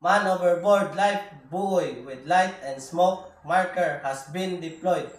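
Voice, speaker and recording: A man's voice: sits high, takes it slowly, background noise. A man playing a ship officer making a marine radio distress call, with formal, spelled-out radio phrasing. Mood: urgent, formal. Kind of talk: marine radio procedure role-play. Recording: roomy echo, voice far from mic.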